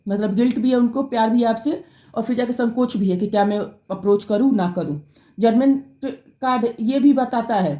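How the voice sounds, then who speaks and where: A woman reads tarot cards at a quick clip, talking straight to her audience and often restarting her sentences. Her voice sits a little high and sounds mellow rather than bright. The room around her is noticeably echoey. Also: highs cut off. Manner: rapid, self-correcting, addresses viewers directly. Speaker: tarot reader. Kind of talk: fast-paced tarot reading to camera.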